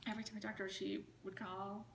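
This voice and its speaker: A woman talks through a long personal story in an interview, casual and meandering, padding her sentences with "like" and "you know." Her voice sits at an ordinary pitch and carries a roomy echo. A faint hiss of noise sits under the recording. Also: little pitch movement, fast, creaky. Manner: rambling, frequent "like" and "you know".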